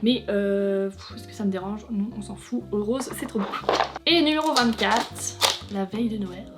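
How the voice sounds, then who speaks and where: A young woman chatting casually as a vlogger, reviewing figurines in a frank, teasing way that is quick to complain. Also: mid-range voice. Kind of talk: casual chatty unboxing commentary. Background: faint background music.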